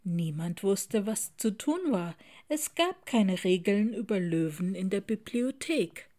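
Slow, expressive woman reading a story. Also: mid-range voice. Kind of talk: children's story read aloud.

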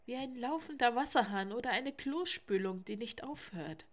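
A woman reading a children's story, voicing a frightened young schoolboy with a high, shaky, breathless voice. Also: animated, normal speed. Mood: timid.

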